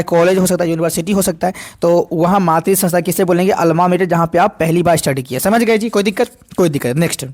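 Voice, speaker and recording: A male teacher runs an exam-prep vocabulary lesson. He reads definitions slowly and then drills each answer again and again in call-and-response fashion. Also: high voice. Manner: repetitive call-and-response questioning, slow over English definitions.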